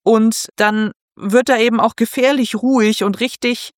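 A woman's voice: a little high, fairly even intonation, measured pace, dry recording, clean studio sound. A woman in casual conversation, steadily explaining what happens in a story. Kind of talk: casual chat retelling a novel.

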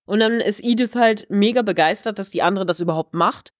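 A woman's voice: brisk, no room sound, clean studio sound. A woman chatting casually as co-host, retelling a scene and acting out the characters' lines in a raised voice. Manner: chatty, acts out quotes in a higher voice. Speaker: podcast co-host. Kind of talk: casual chat.

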